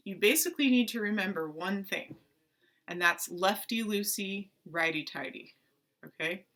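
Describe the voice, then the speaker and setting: Bright-voiced woman teaching kids strings. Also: mid-range voice. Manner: animated, talks to kids with pretend play and questions. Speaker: music teacher. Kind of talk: playful online lesson for children. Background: violin notes.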